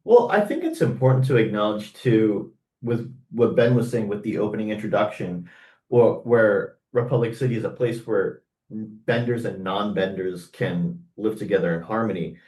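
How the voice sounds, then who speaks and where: A man co-hosting a podcast discussion, speaking in a measured, thoughtful way. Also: on the low side, lively intonation, warm tone. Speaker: podcast co-host. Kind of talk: casual discussion. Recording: echoey room, far from mic.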